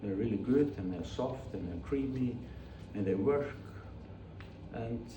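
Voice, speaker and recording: A man's voice: medium pitch, a little slow. A man in his forties from Iceland, a painter chatting casually in his studio and often correcting himself as he talks. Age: 40s. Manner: rambling, self-correcting, chatty. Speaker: painter demonstrating his materials. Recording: very echoey studio, distant mic, clear background noise.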